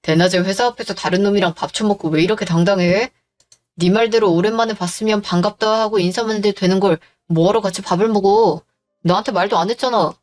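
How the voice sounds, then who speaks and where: A woman's voice: mid-range voice, fairly even intonation, quick pace, a little mellow, faint music behind, lightly acted. A woman voicing a crude, jealous husband who accuses his wife and bullies her, in a dramatized story. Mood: contemptuous.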